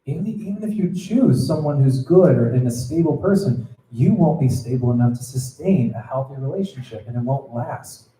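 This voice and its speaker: A man's voice: mid-range voice, animated, normal speed, warm tone. A man giving a sermon to students as a youth pastor. He talks conversationally, checks in with the audience and acts out the voices in his stories. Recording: echoey room.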